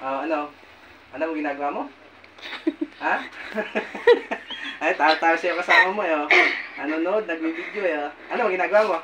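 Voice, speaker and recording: A man performing a folk healing ritual, sternly commanding and scolding his patient and sometimes speaking quietly to viewers. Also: on the high side, fast, pauses often, noisy background. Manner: loud, forceful voice that drops to quiet asides. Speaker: folk healer.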